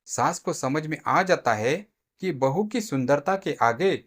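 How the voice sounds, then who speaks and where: A man narrating a family drama story in a dramatic, expressive way. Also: on the high side, unhurried, no echo, clean studio sound.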